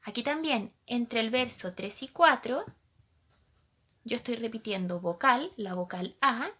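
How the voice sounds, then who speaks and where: A woman's voice: a little high, measured pace, fairly bright tone, breathy edge. A woman teacher, patiently explaining a lesson to young pupils and asking them questions as she goes.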